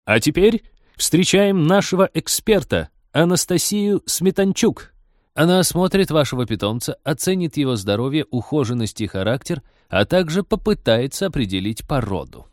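A man's voice: a little high, sing-song, moderate pace, no room sound, studio quality, voice pushed up. A man voicing a woman host who formally announces an expert at a cat show, in a storybook reading. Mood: announcing.

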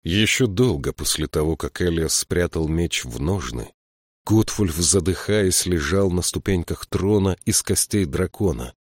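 Deep-voiced man narrating an audiobook. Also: no echo, studio quality. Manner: steady, measured storytelling. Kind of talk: scripted narration.

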